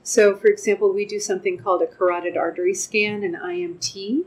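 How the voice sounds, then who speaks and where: An older woman, a clinic manager, gives an unscripted customer testimonial in a measured way, pausing often with "um", seated indoors with a lapel mic. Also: mid-range voice, fairly even intonation, a little mellow, slightly rough, rough recording. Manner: measured, frequent "um" pauses. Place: wood-paneled room with large windows, indoors.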